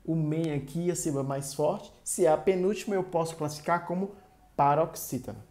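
Brazilian woman grammar teacher, low mellow voice, clear and didactic, stretches syllables when giving examples. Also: steady tone, a little fast. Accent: Brazilian Portuguese. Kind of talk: short online grammar lesson.

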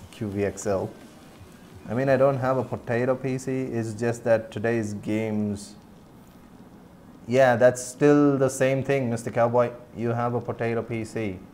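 A man's voice: medium pitch, fairly even intonation, unhurried, a little mellow. A man with an Indian accent keeps up casual commentary while he plays, talking to his viewers. He laughs easily and often. Faint game music plays behind his voice. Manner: chatty, laughs often, answers chat. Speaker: streamer.

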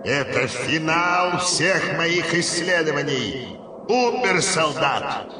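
An actor playing a gloating, cold and cruel Nazi mad scientist in a video game, with a menacing manner. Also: male voice, fairly high pitch, animated, slow, heavy background noise. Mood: proud, gloating. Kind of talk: video game villain acting. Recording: echoey, distant game audio under loud music.

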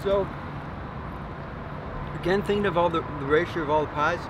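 A man's voice: on the high side, moderate pace. A man co-hosting a casual pizza review, talking while chewing in an easygoing, hesitant way that trails off. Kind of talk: casual food review chat. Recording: outdoor traffic noise.

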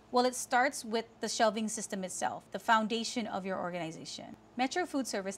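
A woman's voice: fairly high pitch, a little hiss or hum. Woman explaining kitchen shelving. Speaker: sales rep presenting products. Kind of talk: scripted product explainer. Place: small indoor studio set.

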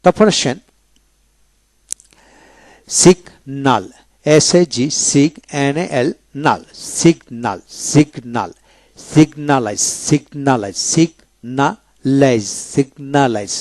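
A man teaching English pronunciation with a Bengali accent, repeating each word slowly and spelling it out letter by letter. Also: mid-range voice, lively intonation, darkish tone, dry recording. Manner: slow and deliberate, spells words out letter by letter and repeats them. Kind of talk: spoken lesson.

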